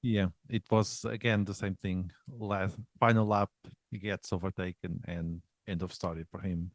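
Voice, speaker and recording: A man on a racing review panel, speaking haltingly in casual chat with frequent uhs and ums. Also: sits low, steady tone, dry recording. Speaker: panel pundit.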